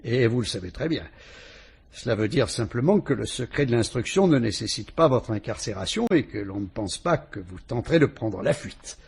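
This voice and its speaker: In a vintage radio drama, a male actor with a French accent plays a calm, shrewd police inspector questioning a suspect with polite irony. His mid-range voice has a breathy edge, and his manner is measured and probing.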